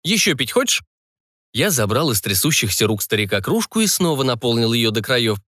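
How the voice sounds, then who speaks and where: A man narrating a fantasy audiobook in an expressive storytelling manner. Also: medium pitch, a little fast, dry recording, studio quality.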